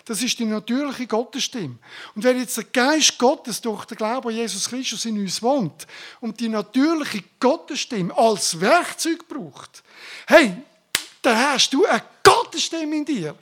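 Woman preacher, higher-pitched, fervent and informal sermon delivery with exclamations. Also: lively intonation, unhurried, a bit bright, breathy edge. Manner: fervent, exclaiming bursts of praise; addresses congregation directly, informal.

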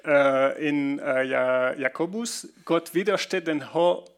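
Guy preaching, kinda gravelly, a bit high, stops and restarts a lot. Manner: halting non-native German with restarts, reads Bible passages slowly. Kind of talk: sermon.

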